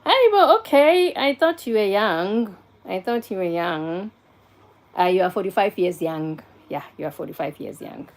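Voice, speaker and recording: A South African woman in her 40s keeps a casual live stream going, answering viewers and stopping to take a call. Her medium-pitched voice has lively intonation and a moderate pace, and she code-switches between English and Zulu.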